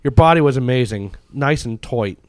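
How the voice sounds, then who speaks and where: A man's voice: mid-range voice, expressive, normal speed, no room sound. Wry man reading posts aloud. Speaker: podcast co-host. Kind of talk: casual comedic chat, reading posts aloud.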